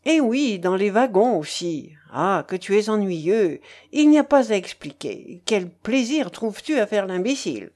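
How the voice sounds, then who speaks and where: A woman's voice: medium pitch, animated, unhurried, a little mellow, lightly acted. A woman doing a fussy, apologetic young companion. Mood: fussy explaining. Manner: explanatory, anxious, apologetic.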